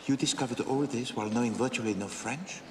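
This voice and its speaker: An actor playing a fastidious, courteous middle-aged detective who speaks in precise, formal, mannered phrases. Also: male voice, mid-range voice, noisy background, natural voice. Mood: deductive, wry. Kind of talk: television period drama. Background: background music.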